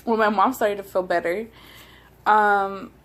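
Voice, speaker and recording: A woman vlogs casually over a meal, chewing while she talks. Her storytelling is personal and rambling, with hesitant pauses between bites. The pitch sits in an ordinary middle range for a woman. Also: steady tone, a bit bright. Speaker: mukbang vlogger.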